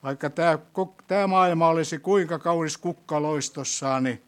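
A man preaching a sermon in a church, asking the congregation questions and rising to loud, emphatic peaks before closing in prayer. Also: fairly high pitch, clean tone.

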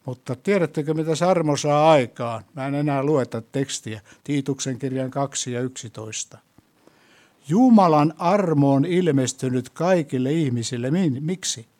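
In a church, a man with a fairly high-pitched voice preaches a sermon, putting questions to the congregation. He builds to loud, emphatic peaks before ending with a prayer.

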